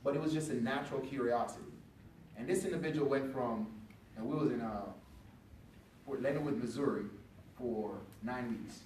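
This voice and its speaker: A man's voice: medium pitch, moderate pace, slight background noise. Male panelist, casual storyteller, distant mic in a reverberant hall. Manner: conversational, animated when quoting others. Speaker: veteran panelist. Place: event hall. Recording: echoey room from a distance.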